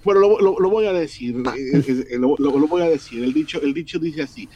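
A man's voice: on the high side, a little fast, mellow, muffled recording. A middle-aged man from Mexico giving earnest weekly political commentary in a radio interview, often repeating words as he builds his point.

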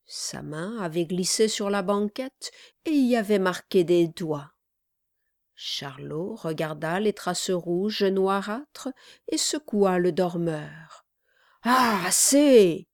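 Woman reading slowly and measuredly. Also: fairly low pitch, darkish tone, no room sound, studio quality. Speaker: audiobook reader. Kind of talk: scripted narration.

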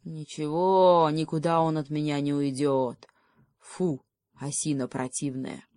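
A woman's voice: sits low, level tone, measured pace, mellow, dry recording, studio quality. A woman voicing a bored, bullying young male wolf cub who drawls and mocks. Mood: menacing. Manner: lazy, drawling, mocking.

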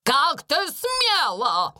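Storybook villain: a woman as an imperious schoolmistress, high and drawn-out, cold and scornful. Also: lively intonation, bright, forceful tone, exaggerated voice. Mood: harsh, angry. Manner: harsh, scornful commands. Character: stern, imperious older schoolmistress.

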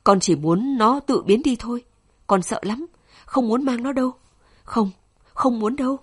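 A woman's voice: a little high, lively intonation, measured pace, slightly rough, no room sound, clean studio sound, pitched above the performer's own voice. Woman doing a desperate, sobbing young daughter. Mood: despairing. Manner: pleading, sobbing.

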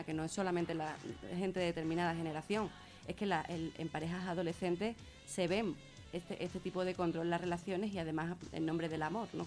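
A woman with a Spanish accent, invited as a guest speaker on gender violence, explains things during a radio discussion. She speaks earnestly in a lowish, slightly mellow voice, often rephrasing herself.

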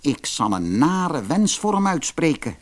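Cheeky fairy-tale dwarf, chirpy with a spiteful streak, high and bouncy, a male narrator putting him on. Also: big pitch swings, unhurried. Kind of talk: storybook reading.

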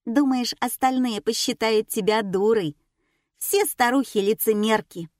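A woman's voice: fairly high pitch, unhurried, dry recording, studio quality, voice pushed up, natural voice. Woman doing a brash mocking teenage girl. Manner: loud, mocking, blunt.

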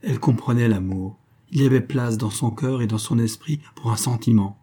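A man voicing a grieving old male country doctor who tells a sad story in a measured way. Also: medium pitch, dark tone, breathy edge, natural voice. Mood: sorrowful.

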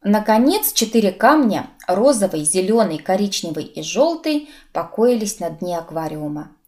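A woman narrating an audiobook in a lively, expressive reading. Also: mid-range voice, normal speed.

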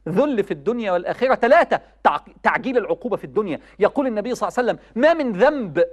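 A young woman with an Egyptian accent giving an impassioned religious talk, pleading with young people in the audience. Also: on the high side. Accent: Egyptian Arabic. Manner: impassioned, pleading, addresses the youth directly. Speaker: preacher.

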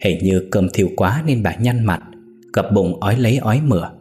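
Brief: male narrator, low-pitched, grave measured storytelling, faint music bed. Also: mellow.

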